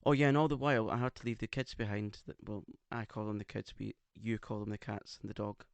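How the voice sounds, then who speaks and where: A man's voice: fairly low pitch, fast, vocal fry, no room sound. A man co-hosting a casual podcast, with an English accent and a camp, theatrical, teasing way of talking. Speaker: podcast co-host. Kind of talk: casual chat. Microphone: studio microphone.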